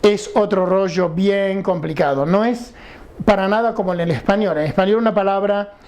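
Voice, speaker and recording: A man's voice: sits high, normal speed, a little mellow. A man giving a recorded English lesson, explaining patiently and often checking that students follow. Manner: patient, explanatory, asks rhetorical questions and checks understanding. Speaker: English teacher.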